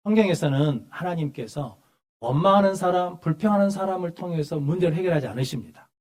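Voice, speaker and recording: A male pastor preaching a sermon in a church, asking the congregation rhetorical questions and reading scripture slowly with emphasis. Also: a little high, a little mellow. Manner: asks the congregation rhetorical questions and answers them. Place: church sanctuary.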